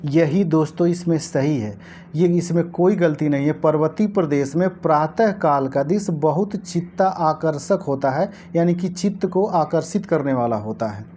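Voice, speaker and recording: Mellow-voiced woman teaching a language lesson. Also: deep voice, a little hiss or hum. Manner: explanatory, repeats key words slowly and addresses viewers as friends. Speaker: exam coaching teacher. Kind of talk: Hindi exam lesson, going through a past paper.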